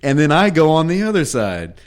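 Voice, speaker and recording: A man's voice: fairly high pitch, sing-song, fairly quick. A man co-hosting a podcast, telling a crude story in a casual, profane way, laughing often and acting out quoted dialogue. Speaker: podcast co-host.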